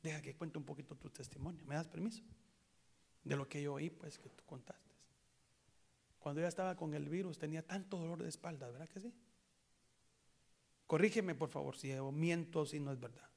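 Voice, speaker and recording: A man preaching a sermon with a Latin American Spanish accent, swinging from hushed near-whispers to loud impassioned outbursts in a church. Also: fairly high pitch, normal speed, gravelly, pauses often. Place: church sanctuary in Chicago.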